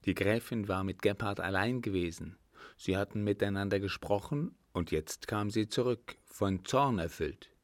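A man narrating an audiobook of a classic novel in a measured, even storytelling manner. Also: lowish voice, no echo.

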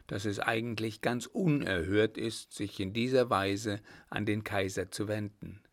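Man reading an old adventure novel aloud, steady and even, lowish voice. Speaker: audiobook narrator. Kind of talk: scripted narration of an adventure novel.

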